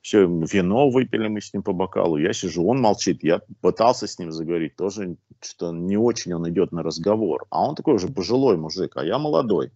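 This man in his sixties speaks in a low, mellow voice, animated and fairly quick with few pauses, with no room sound. He is a video-call guest telling chatty anecdotes from his living room, restarting and using fillers, captured on a wired earphone mic as dull, dry lo-fi audio.

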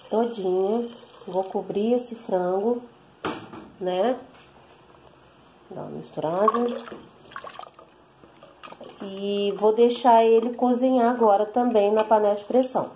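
A woman with a fairly high yet dark-toned voice and a Brazilian Portuguese accent gives a casual, chatty cooking tutorial from her home kitchen stove. Holding her phone in one hand to film, she explains step by step and often adds tag questions for viewers, with a little hiss or hum audible.

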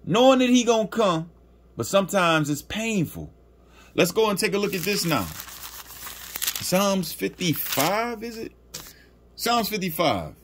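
A man's voice: high-pitched, big pitch swings, a little hiss or hum. Informal Bible study teacher, man. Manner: reads scripture slowly, then explains in informal preacher talk; stops to search for verses, with fillers.

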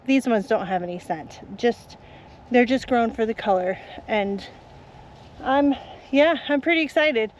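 A woman's voice: a little high, a little mellow. A woman flower farmer, chatty, explaining step by step outdoors in her garden. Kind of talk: casual gardening tutorial.

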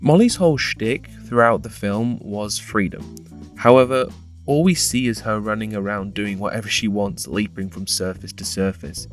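A man's voice: fairly low pitch, normal speed, soft background music. A young man narrating a scripted film review, with a sardonic, punning delivery. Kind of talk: scripted video-essay narration.

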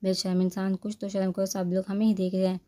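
A fiery young woman, quick with sarcasm and easily annoyed, as a woman reading the novel voices her. She snaps her lines in a mellow, low-contrast tone with little rise and fall. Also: completely flat delivery, natural voice. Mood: sarcastic. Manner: sarcastic, snapping. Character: sharp-tongued, irritated young woman, a fiery bride.

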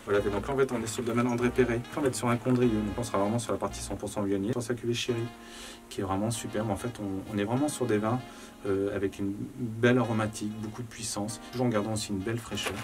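Over music, a man in his thirties who works as head sommelier guides a tour through a stone cellar indoors, talking fast in a lowish, steady voice. He comes from Charente, France, and his casual, conversational speech is packed with fillers and "en fait."

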